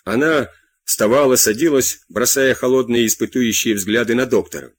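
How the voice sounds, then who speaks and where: Husky male audiobook narrator. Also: medium pitch, moderate pace, no echo, clean studio sound. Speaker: audiobook reader.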